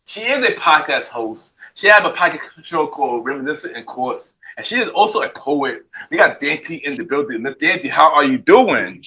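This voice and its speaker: A man's voice: a little high, very animated, normal speed, few pauses, bright, forceful tone, husky, poor audio. A man hosting a podcast, interviewing a guest in a laid-back way, often repeating his phrases. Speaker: podcast host. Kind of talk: casual interview.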